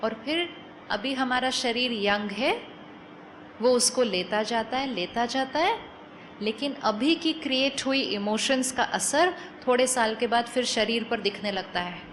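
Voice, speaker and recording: A woman giving a calm, persuasive spiritual talk to a live audience, often asking questions and mixing in English phrases. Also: a little high, unhurried, a little hiss or hum. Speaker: spiritual speaker.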